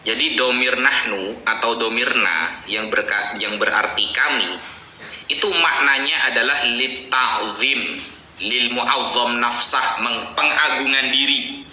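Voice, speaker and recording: Very bright lecturing preacher. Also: male voice, mid-range voice, takes it slowly, roomy sound, a little hiss or hum, low-quality recording. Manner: explanatory, gently dismissive, lecturing. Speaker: Islamic preacher answering a challenge. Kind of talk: reaction commentary.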